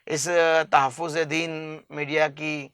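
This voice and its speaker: Earnest high-voiced man pleading. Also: level tone, bright, forceful tone, clear, resonant tone, no echo, clean studio sound. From India. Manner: earnest, emphatic, piles up lists of examples. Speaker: interview guest. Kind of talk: impassioned public appeal.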